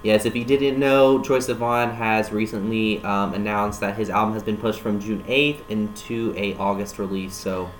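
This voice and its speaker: A man co-hosting a casual music news chat with a friend, animated and quick to laugh. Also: on the low side, slight background noise.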